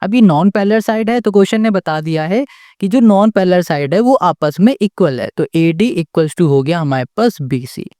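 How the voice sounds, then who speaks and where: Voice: mid-range voice, animated, normal speed, mellow, no echo, studio quality. A maths tutor giving a step-by-step lesson. The tutor keeps asking the class rhetorical questions and checks in with "okay?" after each step, patiently restating points.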